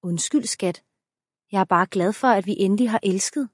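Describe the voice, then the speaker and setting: A woman's voice: mid-range voice, dry recording, clean studio sound, lightly acted. A woman voicing a playful, lustful young husband who speaks in a teasing, cheeky way.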